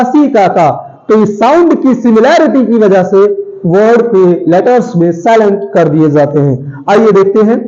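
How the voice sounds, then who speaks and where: High-pitched Indian man teaching pronunciation. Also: dark tone. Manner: repeats words over and over, asks and answers his own questions. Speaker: English teacher. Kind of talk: classroom-style pronunciation lesson. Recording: dull lo-fi recording.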